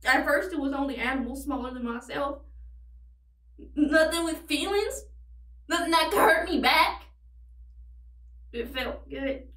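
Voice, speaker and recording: A woman's voice: sits high, unhurried, long pauses, sharp tone. A young woman playing a desperate, sorrowful tragic heroine in a dramatic monologue, pleading and confessing in anguish. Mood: haunted, confessing. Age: young adult. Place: indoors against a plain backdrop. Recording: roomy, distant microphone.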